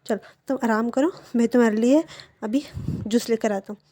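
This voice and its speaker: Doting young husband, reassuring and eager, high mellow read by a woman narrator. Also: a little fast.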